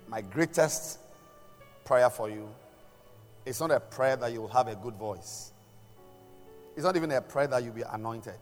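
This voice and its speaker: An older man preaching a sermon in a deliberate way, pausing and repeating phrases for emphasis. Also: mid-range voice. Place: large church hall during a service. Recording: long echoing hall reverb, music behind.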